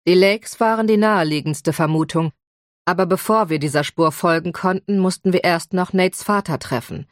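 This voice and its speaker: A woman narrating a first-person audiobook in an even, measured way. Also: on the low side, no room sound, clean studio sound.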